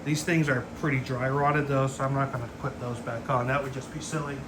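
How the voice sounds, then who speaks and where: A man's voice: mid-range voice, brisk, noisy background. A man talking casually through his car restoration work in a home garage, with many ums and uhs. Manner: relaxed, lots of ums and uhs. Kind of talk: casual workshop commentary.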